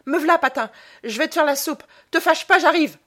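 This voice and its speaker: A woman's voice: medium pitch, big pitch swings, measured pace, breathy edge, heavily acted. A woman doing a frightened, cowed widow. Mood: fearful. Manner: fearful, pleading.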